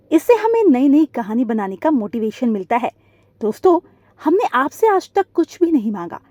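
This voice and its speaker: A woman's voice: on the high side, mellow, no echo. A woman hosting a cartoon channel, making an upbeat, pleading appeal to viewers. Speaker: channel host. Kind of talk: subscribe appeal.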